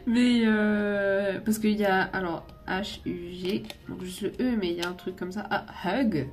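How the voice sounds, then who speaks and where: A woman's voice: medium pitch, fairly even intonation, unhurried, faint music behind. A woman doing a casual tarot and oracle card reading, rambling and laughing often, tossing in English words now and then.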